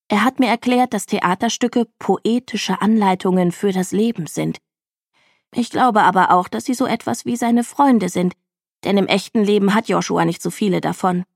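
A woman reading a children's book aloud as a first-person narrator, telling it expressively with lively rises in her voice. Her pitch sits in a middle range, and the recording is dry and close, with no echo. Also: gravelly. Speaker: audiobook reader.

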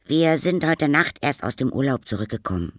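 A man voicing a shy young schoolboy who answers in a raised, bright voice. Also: medium pitch, animated, no room sound, studio quality, voice pushed up, lightly acted. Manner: raised, brighter voice, quick replies.

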